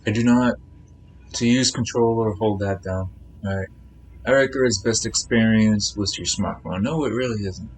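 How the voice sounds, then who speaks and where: A man with a lowish voice talks at a moderate pace, with a little hiss or hum in the audio. He's on a live game stream, chatting casually and rambling to himself while he eats.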